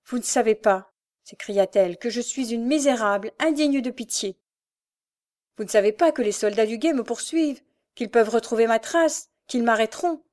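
A woman's voice: fairly high pitch, normal speed, darkish tone, close to an everyday voice. A woman voicing a desperate young woman confessing. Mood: anguished. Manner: pleading, impassioned outbursts. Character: desperate young woman thief, tormented and ashamed.

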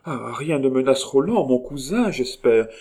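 A man's voice: mid-range voice, unhurried, a little mellow, voice pushed up, natural voice. A man reading aloud and voicing a sly young woman who poses as a princess and feigns innocence. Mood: animated.

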